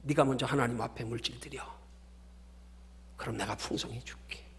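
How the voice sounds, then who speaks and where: A man voicing God in a sermon story, speaking low, hushed and stern. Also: fairly even intonation, moderate pace, creaky, a little hiss or hum. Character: God speaking firmly to a believer, male.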